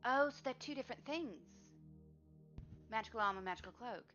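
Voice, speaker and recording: Picture a flustered young adventurer, voiced by a woman at the table, her pitch bouncing high and low as she rambles and curses at herself. The audio is a little muffled, with faint music underneath. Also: animated, brisk, fairly bright tone. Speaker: player. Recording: slightly muffled stream audio.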